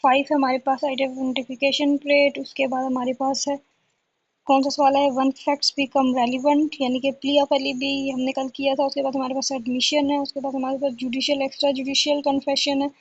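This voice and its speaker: In a casual exam-prep session, a woman tutor from Pakistan goes over a list again and again, asking herself questions and then answering. She speaks at a moderate pace in a high voice with a completely flat delivery, and the audio is muffled.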